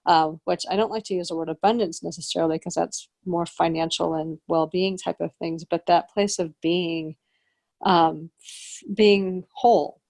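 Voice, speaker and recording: A woman's voice: on the low side, fairly even intonation, normal speed, vocal fry, a little mellow, no room sound. A woman co-hosting a podcast, talking in a rambling, reflective way with frequent restarts as she searches for words. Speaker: podcast co-host. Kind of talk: casual spiritual conversation.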